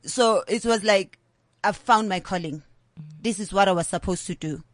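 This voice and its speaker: A South African comedian in her thirties speaks candidly as an interview guest, telling animated stories in English mixed with Zulu phrases. Her voice is mid-range at a normal speed, recorded without echo.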